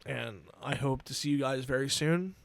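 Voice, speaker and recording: A man in his twenties hosting a solo podcast, earnest and emotional, talking haltingly with many restarts. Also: medium pitch, gravelly, dry recording. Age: 20s. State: emotional, near tears. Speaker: podcast host. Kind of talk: personal solo podcast talk.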